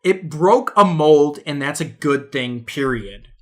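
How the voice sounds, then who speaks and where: A woman podcast co-host in a casual debate, offering measured, hedging counterpoints. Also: low-pitched, lively intonation, darkish tone.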